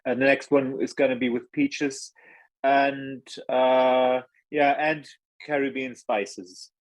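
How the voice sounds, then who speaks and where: Guest: unhurried man, halting and modest, dry close sound. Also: medium pitch, fairly even intonation, no echo, rough recording. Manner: hesitant, many ums, modest. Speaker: hot sauce maker guest. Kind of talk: casual chat.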